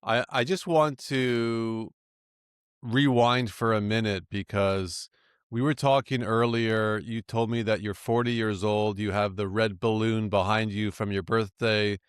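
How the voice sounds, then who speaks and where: A man hosting a podcast, interviewing a guest with quick, encouraging affirmations. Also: on the low side, fairly even intonation, smooth, no room sound, studio quality. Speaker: podcast host.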